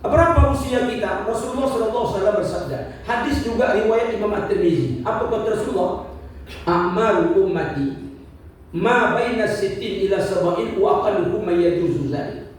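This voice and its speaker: Captured from far away in an echoey hall with slight background noise, a preacher in his fifties gives a brisk religious lecture in a high voice. He repeats his points, poses rhetorical questions, and jokes lightly with those gathered.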